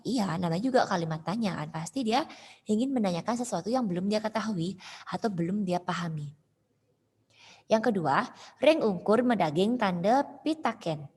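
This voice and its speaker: A woman's voice: mid-range voice, darkish tone, slightly rough. A woman teacher giving an online lesson, explaining patiently and repeating her examples. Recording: long hall reverb.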